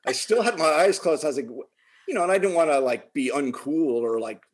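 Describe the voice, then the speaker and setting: A man with a slightly high voice spins an animated, chatty anecdote and keeps breaking into laughter. the telling is casual and lively. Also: fairly quick. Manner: animated storyteller, laughs often. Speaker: guest telling a story. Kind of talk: casual chat.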